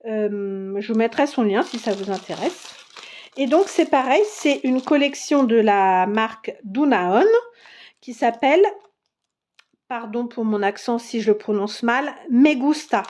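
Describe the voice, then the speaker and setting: Woman craft vlogger, slightly high voice, unhurried casual show-and-tell. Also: a little mellow, a little hiss or hum. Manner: chatty, many fillers and pauses while browsing papers. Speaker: craft vlogger showing a haul.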